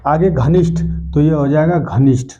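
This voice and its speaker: Man, teacher, mellow voice, repeats words slowly, dull lo-fi sound. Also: fairly high pitch. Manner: explains step by step, repeats each correct word slowly. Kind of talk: spelling lesson lecture. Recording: dull lo-fi recording.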